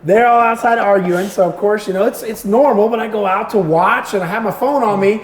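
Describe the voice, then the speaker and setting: A man's voice: high voice, fairly quick, echoey room. A man, a content creator, telling funny stories in a casual podcast chat and acting out the voices he quotes. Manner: animated, acts out quoted voices with laughter.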